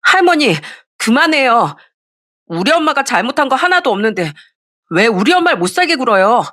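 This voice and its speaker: Brief: earnest young boy, blunt and protective, brightish pitch, played by a woman reader. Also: sing-song, normal speed. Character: eleven-year-old boy, blunt and protective. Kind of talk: audio story reading.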